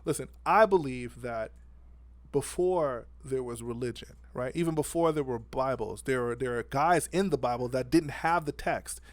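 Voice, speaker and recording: Animated man arguing faith on a podcast. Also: mid-range voice, normal speed, no echo. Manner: animated, laughing often, earnest. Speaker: podcast co-host. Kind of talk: casual debate chat.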